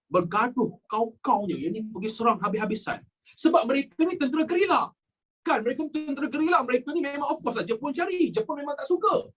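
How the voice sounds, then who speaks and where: High, lively Malaysian man teaching history. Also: husky, poor audio. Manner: jokey, repeats key points, mixes in English. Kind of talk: live online history class.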